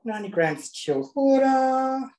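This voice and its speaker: His voice is very high-pitched yet mellow, animated and moderately paced. The man presents a casual live cooking demo in a home kitchen, camp and chatty with cheeky asides, recorded by his own self-placed camera in a roomy, echoing space.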